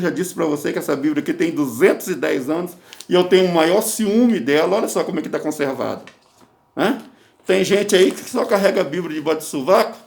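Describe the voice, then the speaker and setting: A man's voice: sits high, creaky, darkish tone. A Brazilian man teaching as a pastor on a livestream, exhorting listeners with frequent check-in questions, his voice slightly muffled by a face mask. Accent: Brazilian Portuguese. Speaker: pastor teaching a course for church leaders. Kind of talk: informal sermon-like teaching on a livestream. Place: his office, indoors.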